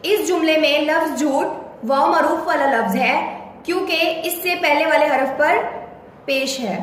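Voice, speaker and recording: A woman teacher leading a children's reading lesson, spelling words out slowly letter by letter. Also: high-pitched, slight background noise. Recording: very echoey room, faint ambience.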